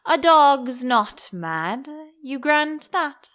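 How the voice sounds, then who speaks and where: A grinning storybook cat, played by a woman, speaking in a very slow drawl with playful swoops of pitch. It is teasing and calmly mad, stretching out its words as if everything were a riddle. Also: heavily acted. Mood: smugly reasoning. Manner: slow, drawn-out, playfully cryptic delivery.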